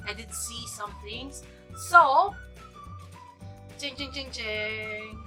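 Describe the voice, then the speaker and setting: A woman's voice: fairly high pitch, extremely slow, pushed and bright. A woman, talking to camera in a chatty, rambling, upbeat vlog, and she is also a teacher. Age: 40s. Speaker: vlogger and teacher. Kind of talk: casual vlog chat to camera. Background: background music.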